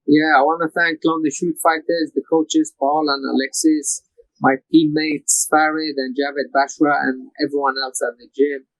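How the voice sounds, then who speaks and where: A young man from Iraq, an MMA fighter, answering interview questions over a call in a relaxed, plain way with frequent "you know". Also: on the high side, moderate pace, no echo, low-quality recording.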